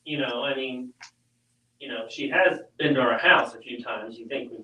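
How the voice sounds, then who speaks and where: A man's voice: mid-range voice, moderate pace, recorded from a distance, background noise. A man speaks from well away from the mic. His voice comes through an echoey room. He reads out comments and jokes back in easygoing, teasing banter. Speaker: host's husband reading viewer comments. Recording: roomy echo, off-mic.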